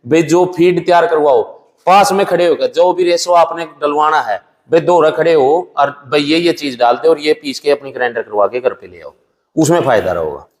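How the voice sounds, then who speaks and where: In a big-sounding room, a Haryanvi-accented man who farms dairy and breeds buffalo speaks at a moderate pace in a highish voice. He offers practical tips in a casual interview, plain-spoken and colloquial, frequently addressing the listener as brother.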